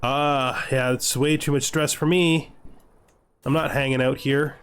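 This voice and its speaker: A man with a smooth, slightly bright mid-range voice gives steady, measured let's-play commentary as he games. He thinks aloud in short remarks, role-plays along in the first person, and at times reads out the game's text.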